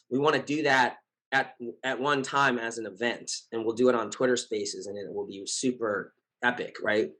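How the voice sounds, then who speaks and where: A man with a scratchy, hoarse voice talking casually to his community as founder, earnest and reassuring, rambling with many fillers and self-corrections. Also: medium pitch, a bit bright. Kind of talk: casual spoken update to followers.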